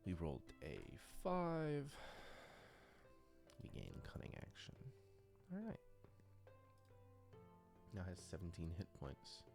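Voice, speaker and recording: The creator and game master of a tabletop RPG audio drama talks casually and off the cuff while going over character sheets, occasionally murmuring small nonsense sounds. His voice sits low, gravelly and darkish, with huge swings in pitch, a slow pace and frequent pauses. Faint music plays in the background.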